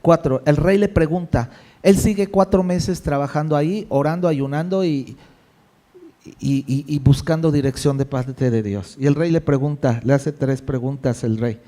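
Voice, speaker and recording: A male pastor preaching a sermon in a lively, conversational way, with jokes and rhetorical questions. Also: fairly high pitch, normal speed.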